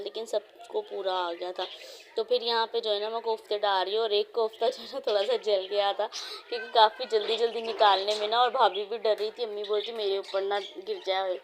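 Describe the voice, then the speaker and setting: A woman's voice: mid-range voice, little pitch movement, brisk, noisy background. A woman vlogger narrating a casual cooking voice-over, chatty and rambling with many fillers. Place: indoors, recorded as voice-over.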